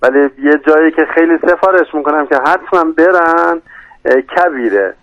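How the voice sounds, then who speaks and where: A man's voice: fairly high pitch, no echo, muffled recording. A man with a Yazdi Persian accent, an emergency services official speaking in a phone-in radio interview, hesitant, with many fillers and restarts. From Yazd, Iran.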